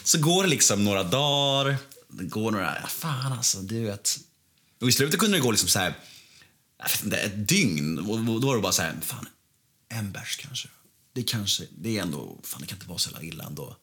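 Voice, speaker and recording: Blunt man telling a lively story. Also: on the low side. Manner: blunt, swears freely, animated telling. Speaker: guest. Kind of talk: candid storytelling in casual chat.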